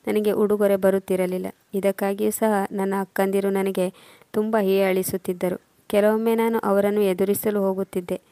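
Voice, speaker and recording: A woman narrating a first-person family story in a steady, measured reading voice. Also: mid-range voice, no room sound.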